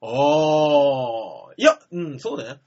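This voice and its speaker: A man's voice: on the high side, big pitch swings, slow pace, a little mellow, lo-fi sound. A man from Shimane co-hosting a radio talk show, answering teasing with playful, self-mocking comebacks. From Shimane, Japan. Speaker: radio co-host, comedian. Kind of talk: casual comedic banter.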